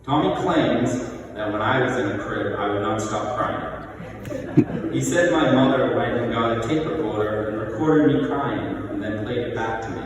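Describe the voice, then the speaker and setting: In a large, heavily reverberant church, a middle-aged man reads aloud a prepared eulogy for his parent, reminiscing in measured short phrases at an average pitch. The mic sits at a distance, picking up clear noise around his echoey voice.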